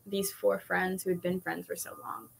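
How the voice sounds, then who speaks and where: A woman's voice: on the low side, little pitch movement, moderate pace, creaky, crowd noise. A woman guest in a casual interview, talking thoughtfully about her acting role with many fillers. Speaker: actress guest.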